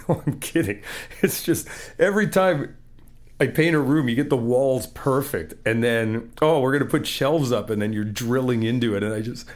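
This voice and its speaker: A young man with a medium-pitched voice and moderate pace performs an ASMR roleplay as a supportive friend helping paint a new apartment. He's easygoing and reassuring, often teasing and laughing.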